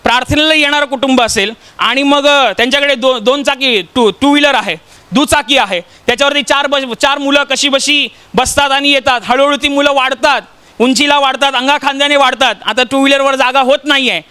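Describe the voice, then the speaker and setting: A man's voice: extremely high pitch, steady tone, brisk, bright, forceful tone. A man from Maharashtra preaching a sermon, telling stories and putting rhetorical questions to the congregation. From Maharashtra, India.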